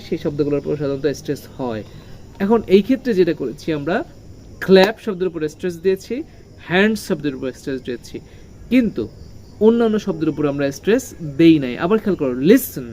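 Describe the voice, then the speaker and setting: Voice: mid-range voice, expressive, fast, warm tone, slight background noise. A teacher, giving a lesson to children. The teacher asks questions, answers them, and repeats key words with heavy stress. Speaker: English teacher.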